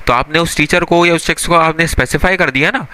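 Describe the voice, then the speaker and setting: A man's voice: a little high, a little fast, sharp tone, clear, resonant tone. A young man teaching English grammar in a classroom style, asking his students questions and answering them himself, and calling them son or brother.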